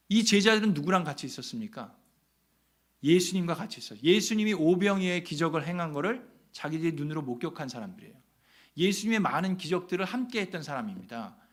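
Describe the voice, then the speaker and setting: High-voiced man preaching dramatically. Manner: dramatic storytelling, rhetorical questions, swings from loud to hushed. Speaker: pastor. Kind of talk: revival sermon. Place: church sanctuary.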